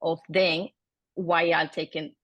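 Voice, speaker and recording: A woman's voice: sits low, level tone, a little slow, fairly bright tone, no room sound. Woman from the Dominican Republic on a panel. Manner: direct and simple, with some slips. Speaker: panelist, former adult learner. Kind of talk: answering on a panel.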